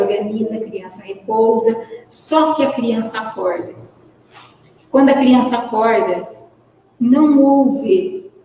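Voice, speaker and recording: A woman's voice: a little high, warm tone, slight background noise. A woman giving a spiritist lecture, telling a story with emotion and speaking directly to her listeners. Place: spiritist centre hall. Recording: echoey hall from far off.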